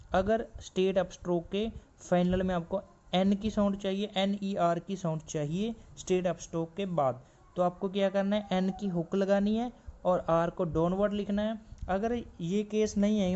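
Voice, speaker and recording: A male shorthand teacher giving a classroom explanation, asking and answering his own questions and repeating each rule slowly. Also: sits high, dark tone, muffled recording.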